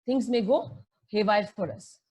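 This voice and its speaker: A woman's voice: medium pitch, unhurried, darkish tone, husky. A woman with an Indian accent teaching a lesson in a conversational way, explaining with everyday examples and checking in with questions. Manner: conversational, checks in with rhetorical questions and tag words; mixes Hindi phrases into English.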